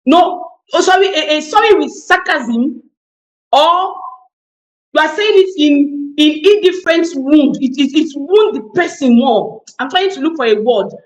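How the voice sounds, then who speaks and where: On a TV panel discussion, a woman speaks emphatically in a high, animated voice at a measured pace, repeating key phrases for weight. The low-quality recording is reverberant.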